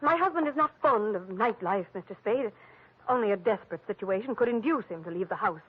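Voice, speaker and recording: An actress in a 1940s-style radio drama plays a rich man's coy, anxious young wife, sounding refined, hesitant, breathy and faltering. Her medium-pitched voice is expressive and fairly quick. The recording is very muffled and phone-like, like old radio.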